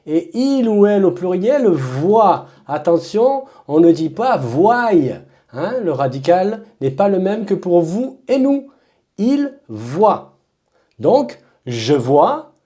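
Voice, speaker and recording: A woman with a French accent teaching verb conjugations as a drill, saying each form slowly and emphatically and repeating it. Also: mid-range voice, mellow.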